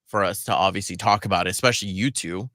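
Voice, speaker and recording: A man who produces a radio show, speaking in a measured, careful, soft-spoken way during a casual chat. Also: sits low, dry recording, studio quality.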